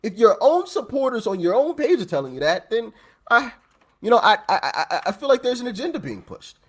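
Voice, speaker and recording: Animated high-voiced man reacting to clips. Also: a little fast. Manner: animated, laughs between points. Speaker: vlog host. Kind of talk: casual commentary.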